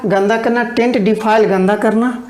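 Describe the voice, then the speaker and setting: शब्दों को धीरे-धीरे लिखवाती महिला शिक्षिका, गूंजता कमरा. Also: female voice, fairly high pitch, steady tone, darkish tone, echoey room, slight background noise. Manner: explains each word, then dictates it slowly with repetitions. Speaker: English vocabulary teacher. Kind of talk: online exam-prep lesson.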